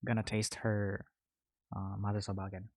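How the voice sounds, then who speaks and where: A man hosts a podcast, chatting casually while eating; he rambles, chews between phrases and corrects himself. His voice is on the low side, monotone and darkish in tone, at a moderate pace. There's slight background noise.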